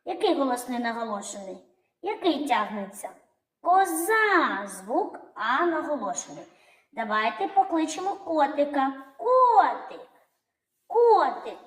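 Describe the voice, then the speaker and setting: A woman teaching young children, calling out words in a drawn-out sing-song way. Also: high-pitched, animated, roomy sound, rough recording. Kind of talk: children's lesson narration.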